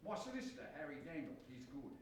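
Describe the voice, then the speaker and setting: A gruff, evasive middle-aged father, played by a stage actor, speaks in clipped farce style. His pitch is lively and the sound is distant and very echoey. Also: fast talker, natural voice. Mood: wary. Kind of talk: theatrical farce acting. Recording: echoey distant stage recording, faint noise.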